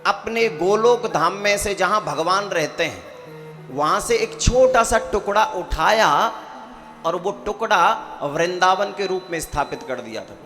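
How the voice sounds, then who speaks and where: A man delivering a devotional sermon in a high, bright voice, taking his words slowly. He leans on rhetorical questions and chanted verse. His voice rings out with a long hall reverb, and faint music plays underneath. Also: animated. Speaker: preacher.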